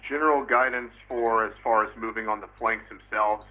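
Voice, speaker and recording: A man's voice: on the low side, fairly even intonation, moderate pace, narrow, tinny audio. A man acting as company commander in a tank simulation, heard over in-game radio with clipped, terse acknowledgements.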